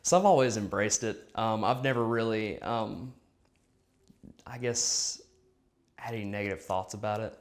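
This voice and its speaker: A man's voice: lowish voice, moderate pace, pauses often. A young man talking casually in an interview, hesitant, with many fillers.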